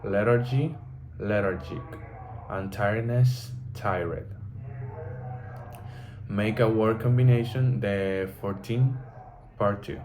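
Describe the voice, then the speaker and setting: Low-voiced guy teaching a lesson, reading real slow off the textbook, restarts words sometimes. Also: darkish tone, a little hiss or hum.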